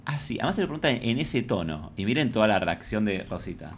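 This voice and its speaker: A man's voice: on the low side, very animated, quick pace, background noise. A man with an Argentine accent giving campy, gossipy commentary on a reality show and mimicking the people he talks about. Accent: Argentine Spanish.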